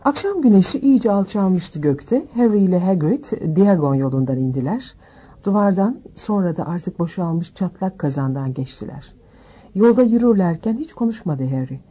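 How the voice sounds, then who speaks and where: A woman narrating a storybook aloud in a steady, measured reading voice. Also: lowish voice, breathy edge. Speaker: audiobook narrator.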